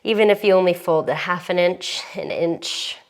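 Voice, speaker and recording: A young woman teaching a yoga class, giving calm breath cues with sighs, a bit out of breath. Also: fairly low pitch, normal speed. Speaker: yoga instructor.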